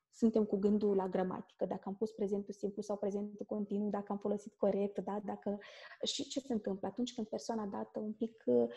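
A woman from Moldova with a Moldovan Romanian accent, an English teacher explaining pronunciation as an interview guest and often checking in with a quick "da?". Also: medium pitch, warm tone.

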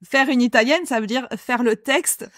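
A woman's voice: a little high, moderate pace, a bit bright, no room sound, clean studio sound. A woman co-hosting a podcast interview, encouraging her guest and explaining terms to listeners. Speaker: podcast co-host.

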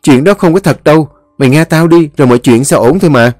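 A man's voice: mid-range voice, animated, fast, warm tone, dry recording, studio quality, soft background music, natural voice. A man voicing a young man who insists and reassures his friend. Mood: insistent. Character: young man trying to stay calm.

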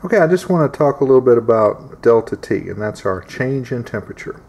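A man's voice: medium pitch, animated, a little fast, darkish tone, a little hiss or hum. A man giving a plain-spoken, folksy how-to demonstration outdoors, repeating his warnings. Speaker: DIY home repair instructor. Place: outdoors beside an air conditioner unit.

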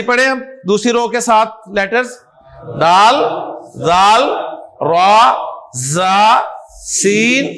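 A man's voice: extremely high pitch, fairly bright tone. A man teaching Arabic letters in an online class, drilling each sound with patient, frequent checks.

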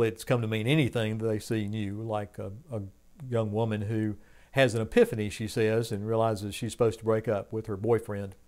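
An older man preaching a sermon from a home study, speaking in a measured, earnest way with rising emphasis on key points. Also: lowish voice, a little mellow. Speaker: pastor. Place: home study with bookshelves, indoors.

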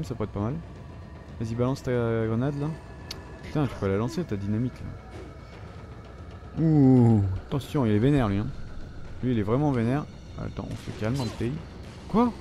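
A man's voice: mid-range voice, mellow. A French man commenting on his own gameplay, swearing and reacting as he plays. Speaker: gamer. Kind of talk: let's play commentary. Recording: noisy background.

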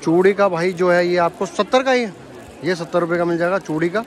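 Speaking fairly quickly in a voice that sits high, a young man records a laid-back walkaround vlog in a bustling street market. He asks vendors for prices and echoes them to his followers, holding the camera himself for point of view and selfie shots. Outdoor crowd noise and chatter surround him.

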